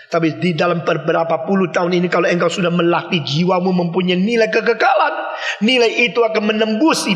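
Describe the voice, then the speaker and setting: Man, pastor, sermon, high-pitched, bright tone, dramatic and emphatic, roomy echoing hall. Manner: dramatic, acts out voices in the story, mixes English phrases; sudden loud emphatic bursts. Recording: echoey hall with long reverb.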